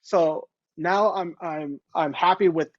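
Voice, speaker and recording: Young man in his twenties, relaxed casual interview guest, slightly high voice, dry muffled video call sound. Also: takes it slowly, no echo. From Los Angeles. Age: 20s. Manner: relaxed, fillers like "going ahead". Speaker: guest entrepreneur.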